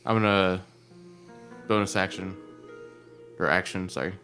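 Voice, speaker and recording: Hesitant low-voiced man playing a game. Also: unhurried, pushed and bright, faint music behind. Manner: hesitant, restarts his sentences. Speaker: player. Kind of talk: casual tabletop play.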